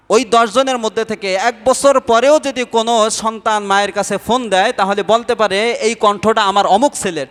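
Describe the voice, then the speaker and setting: A man's voice: high voice, a bit bright. A male preacher giving a sermon who keeps asking the audience questions and then answering them himself. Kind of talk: Islamic sermon. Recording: long hall reverb.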